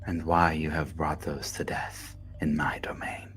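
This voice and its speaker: A sinister death god whispering inside one's head, as a man plays him, cold and cryptic, with a low, breathy menace. Soft music hums in the background. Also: flat delivery, measured pace. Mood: menacing.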